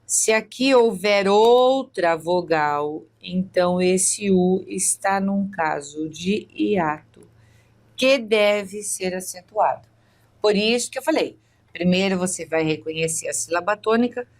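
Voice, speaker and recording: A woman's voice: mid-range voice, takes it slowly. A woman with a Brazilian Portuguese accent giving an online exam-prep lesson, explaining step by step and often checking in with the viewer. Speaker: teacher.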